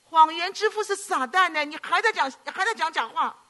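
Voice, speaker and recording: A middle-aged woman from Hong Kong, preaching a sermon with animated storytelling and frequent rhetorical questions. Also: very high voice, a little fast.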